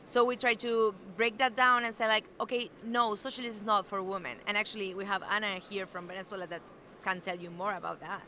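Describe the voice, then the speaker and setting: A woman's voice: mid-range voice, steady tone, brisk, sharp tone, slight background noise. A woman from Uruguay with a Uruguayan Spanish accent, speaking hesitantly with many "um" and "like" fillers in a casual interview. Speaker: interviewee, alliance member. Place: busy convention venue.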